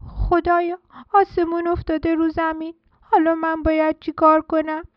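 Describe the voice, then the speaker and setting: A woman voicing a frightened little chick in a children's storybook reading, high and anxious. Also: completely flat delivery, no echo, dull audio. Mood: frightened, insistent.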